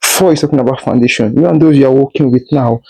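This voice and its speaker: A man's voice: medium pitch, fast, vocal fry, warm tone, poor audio. Man giving a tarot reading. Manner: repetitive, reassuring, addresses listener directly. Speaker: tarot reader.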